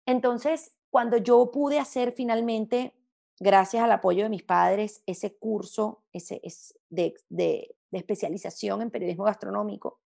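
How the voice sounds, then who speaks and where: A Venezuelan woman, a gastronomy journalist appearing as an interview guest, speaks reflectively and expressively in Spanish with a mixed Latin American accent that's hard to place. Her mid-range voice is warm, with some vocal fry, and she keeps a measured pace.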